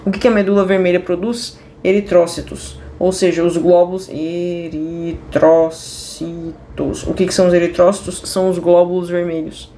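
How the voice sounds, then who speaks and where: A woman with a lowish, dark-toned voice explains material in a casual online class, chatting loosely, wandering off topic, and correcting herself with lots of fillers. Slight background noise is present.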